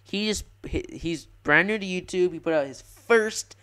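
Young guy rambling through a game commentary, kinda high smooth voice, trips over his words. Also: normal speed. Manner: rambling, self-correcting, excitable. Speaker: gaming channel host. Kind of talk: live gameplay commentary.

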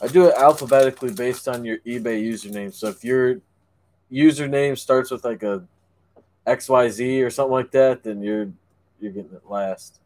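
A man co-hosting a card break, announcing that buyers' invoices are sent and teasing his partner in a relaxed way. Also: mid-range voice, normal speed, no room sound. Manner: relaxed, teasing, laughs along. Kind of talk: casual card-opening chat.

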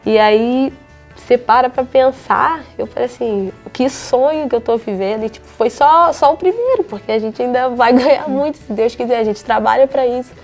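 A young Brazilian woman, a footballer, chats in a relaxed interview. Her voice sits a little high, and she acts out the lines she quotes as she tells her stories. Soft music plays quietly behind her. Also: moderate pace. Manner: chatty storytelling, acts out quoted dialogue. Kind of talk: casual interview chat.

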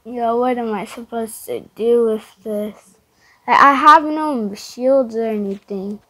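A woman narrates her gameplay in an unhurried, slangy ramble. Her voice sits a bit high and sounds stuffy and congested from a cold. She talks casually to viewers as she plays. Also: dry recording. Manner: chatty, excitable, rambling slang. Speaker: gaming video creator.

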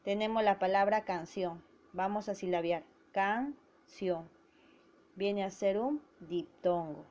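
A woman teacher giving a grammar lesson to schoolchildren, slowly spelling out syllables. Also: medium pitch, a little mellow. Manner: slow and deliberate, spelling out syllables. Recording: dull lo-fi recording.

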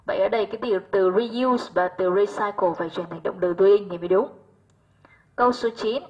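Woman teacher, husky and lo-fi. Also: medium pitch, brisk, a little mellow. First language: Vietnamese. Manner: patient, checks understanding with frequent "right?". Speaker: English teacher. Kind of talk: exam answer walkthrough.

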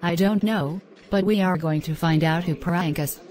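Brief: computer woman voice doing a cross cartoon girl, lowish pitch. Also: moderate pace, a little mellow, lightly acted. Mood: indignant.

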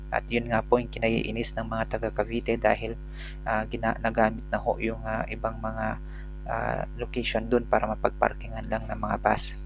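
A man's voice: lowish voice, creaky, rough recording. A young man from the Philippines vlogging casually about politics from a small room, talking with a sore mouth after a tooth extraction and full of fillers. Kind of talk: casual political vlog commentary. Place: small room at home, plain wall. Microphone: lapel mic on a stand at the chin.

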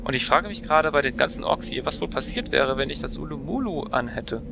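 A man's voice: medium pitch, fairly quick. A young man giving casual gameplay commentary as a let's player, musing and thinking aloud as he goes. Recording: clear background noise from game.

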